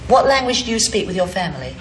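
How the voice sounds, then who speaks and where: A woman interviewer asking questions in a lively way. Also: mid-range voice, quick pace. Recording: echoey with noise.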